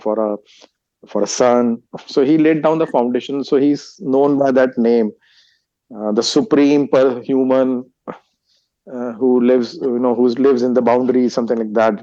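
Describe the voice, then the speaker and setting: A Hindi-speaking Indian man with an Indian accent, guesting as an author and meditation teacher, gives halting interview answers peppered with restarts and fillers. His mid-range voice has a dark tone, and the dry recording has the highs cut off.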